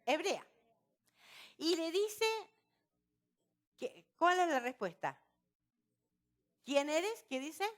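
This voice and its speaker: A woman preaching a sermon at a women's retreat, lively and often asking her listeners rhetorical questions. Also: sits high, slow, pauses often. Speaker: retreat speaker.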